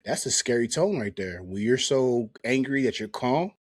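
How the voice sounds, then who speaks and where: A man's voice: mid-range voice, expressive, moderate pace, dry recording, studio quality. A man co-hosting a casual podcast chat, laid-back and agreeable. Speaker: podcast co-host. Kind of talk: casual chat about anime.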